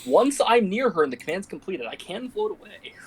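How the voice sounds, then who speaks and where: A man's voice: high voice, sing-song, a little fast. A man playing a tabletop game, talking casually about his character's moves.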